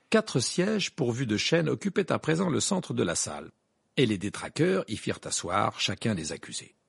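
A man narrating an audiobook with a gravelly, very husky voice. His reading is expressive and dramatic, with a lively rise and fall. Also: lowish voice, no echo. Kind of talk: scripted narration.

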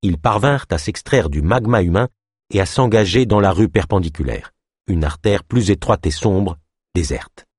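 Male narrator, audiobook reading, expressive, lively pitch, dry recording. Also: moderate pace, slightly rough, no echo. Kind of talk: scripted narration.

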